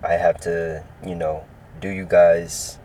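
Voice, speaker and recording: A man's voice: sits low, flat delivery, takes it slowly, warm tone, low-quality recording. A man in his early twenties, upbeat and rambling, talking through his own sports podcast and repeating himself. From California. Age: 20s. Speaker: podcast host. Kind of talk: casual solo sports podcast.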